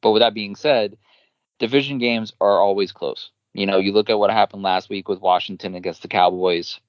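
A podcast guest with a New Jersey accent talks football picks confidently and at length. His voice sits very low. The recording is dry and dull, like a basic home mic. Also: fairly even intonation, normal speed, no echo. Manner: confident, talkative, many fillers. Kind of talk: casual sports betting chat.

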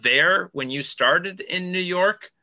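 A man chatting casually as an interviewer, agreeable, with slightly halting questions. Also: sits high, bright, forceful tone, poor audio. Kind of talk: casual chat.

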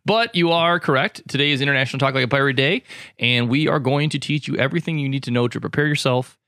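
Fast-talking male podcast host. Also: mid-range voice, pushed and bright, dry recording, studio quality. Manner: fast, upbeat, jokey. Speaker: podcast host, emergency physician. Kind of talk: casual podcast chat.

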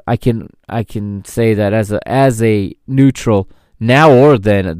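A man's voice: fairly low pitch, darkish tone, clean tone, no room sound, clean studio sound. A man in his thirties hosting a podcast, reflecting on an old football match in a rambling, casual way. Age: 30s. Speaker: podcast host. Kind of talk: casual retrospective football commentary.

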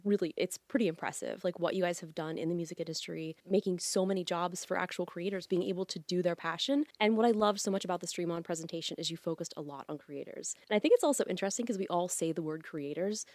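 A woman's voice: lowish voice, fast, few pauses, a little mellow, no room sound. A young woman hosting a podcast interview, enthusiastic and gushing, with frequent fillers. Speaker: podcast host. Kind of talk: casual interview conversation.

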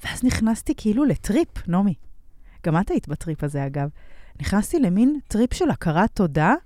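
A woman with a mid-pitched voice talks reflectively as a podcast co-host, often pausing on fillers. The recording is close and dry. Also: big pitch swings, mellow, no echo. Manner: reflective, uses many fillers. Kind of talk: casual chat.

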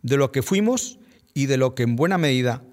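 A man with a Spanish accent hosting a podcast, reading a scripted narration in a measured, reflective way. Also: mid-range voice, lively intonation. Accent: Spain Spanish. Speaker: podcast host.

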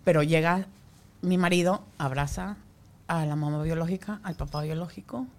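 A woman sharing an emotional personal story as a guest, speaking haltingly and dropping almost to a whisper at tender moments. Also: low-pitched, a little mellow.

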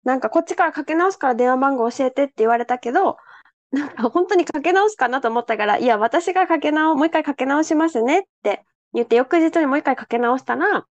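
A Japanese woman co-hosting a casual podcast, telling stories in a lively way and acting out the people she quotes. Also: high-pitched, fast talker, no room sound. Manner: animated storyteller, acts out quoted voices. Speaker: podcast co-host. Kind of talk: casual chat. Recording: dull lo-fi sound.

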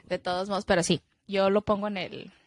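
A woman's voice: mid-range voice, flat delivery, fairly quick. A young woman, co-hosting a casual podcast chat and slipping into English phrases. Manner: chatty, mixes in English phrases. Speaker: podcast co-host.

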